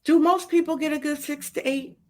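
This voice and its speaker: A woman's voice: high voice, fairly even intonation, brisk, a little mellow. A middle-aged woman speaking casually as an interview guest, explaining things colloquially through personal examples. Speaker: sleep coordinator, interview guest.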